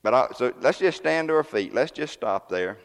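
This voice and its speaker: A man's voice: mid-range voice, lively intonation, moderate pace. Folksy preacher man in a reverberant church. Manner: folksy, conversational preaching with homespun examples. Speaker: pastor. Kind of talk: sermon. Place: church sanctuary.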